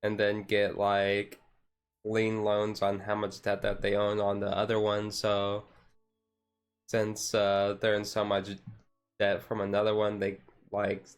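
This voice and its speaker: On a relaxed ASMR chill stream, a man chats casually in a smooth, low-leaning monotone, speaking slowly. He rambles and hedges with repeated "like" and "and stuff," with faint music behind him.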